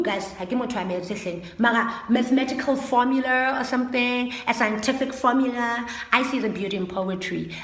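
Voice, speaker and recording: Woman, teacher, animated, higher voice, echoey room. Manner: animated, acts out children's voices. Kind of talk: talk to parents about holistic teaching.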